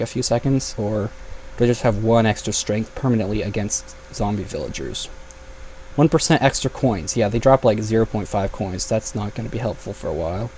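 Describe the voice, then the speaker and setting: A man's voice: on the low side, darkish tone, a little hiss or hum. A young man giving casual, chatty commentary over his gameplay, thinking aloud with sudden yelps. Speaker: gaming YouTuber.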